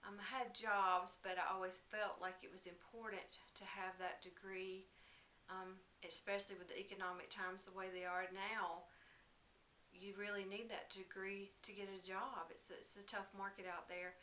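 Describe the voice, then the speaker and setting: A woman speaking earnestly and clearly in a student-made news interview recorded indoors. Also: medium pitch, little pitch movement, moderate pace, pushed and bright. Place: indoors, in a home. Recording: roomy echo, faint hiss.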